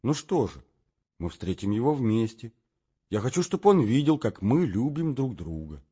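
Young emotional heroine, raised husky voice, rising and pleading, put on by a man narrator, dull recording. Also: medium pitch, very animated, normal speed, mellow. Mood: earnest. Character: young woman, excitable, emotional, affectionate.

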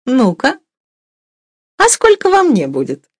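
A woman voicing a proud, playful young merchant's wife who teases in bright, raised exclamations. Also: fairly high pitch, big pitch swings, a little slow, creaky, voice pushed up, full character voice.

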